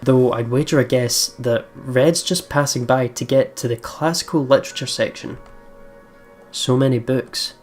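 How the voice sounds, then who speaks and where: Over game music, a man with a mid-range voice reads a visual novel aloud at a moderate pace in a steady tone. He's a let's player who reacts playfully and chattily, often repeating words as he narrates.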